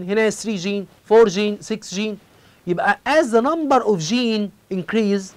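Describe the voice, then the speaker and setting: A biology teacher with an Egyptian Arabic accent, giving a recorded exam-prep lesson and switching between Arabic and English mid-sentence. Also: mid-range voice. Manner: repeats and counts through points in short lists.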